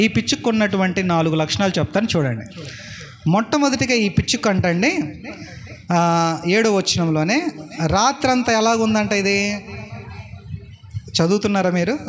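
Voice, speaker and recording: Man preaching a sermon, storytelling style, pretty high voice, lots of rhetorical questions. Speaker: pastor.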